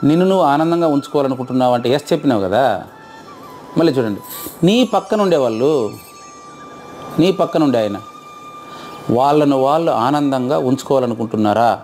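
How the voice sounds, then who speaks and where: A man's voice: mid-range voice, fast, pauses often, darkish tone, faint music behind. A man teaching a group, asking his audience questions over and over and checking their answers. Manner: quizzes audience, repeats questions. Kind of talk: interactive lecture.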